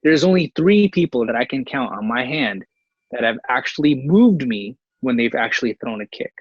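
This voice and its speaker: Man, mid-pitched husky voice, slightly dull audio, easygoing supportive podcast co-host who keeps saying "man". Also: lively intonation, moderate pace, no echo. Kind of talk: casual conversation.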